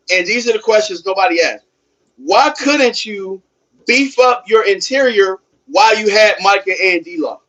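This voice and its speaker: A man's voice: high voice, fairly bright tone, poor audio. A man hosting a casual sports livestream, talking emphatically while exercising on a treadmill and repeating phrases for stress. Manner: emphatic, repeats phrases, poses rhetorical questions. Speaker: sports fan livestream host.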